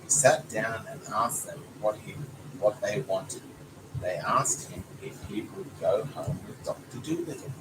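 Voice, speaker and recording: In a fairly low voice and a little slowly, a man reads a children's story aloud as a dad would to his child, recorded at home with plenty of background noise.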